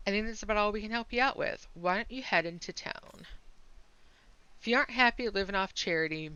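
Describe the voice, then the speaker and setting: A woman reading aloud the lines of a gruff but welcoming village innkeeper, in an easy, chatty delivery close to her own voice. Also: on the low side, pushed and bright, muffled recording. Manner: reads game dialogue aloud in an easy, chatty way. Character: friendly welcoming village innkeeper, a bit grumpy.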